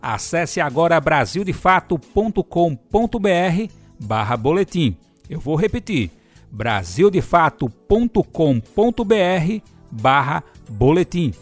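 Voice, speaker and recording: A man's voice: fairly high pitch, big pitch swings, measured pace, faint music behind. A man hosting a radio program, presenting in a friendly, upbeat scripted style that speaks straight to the listener.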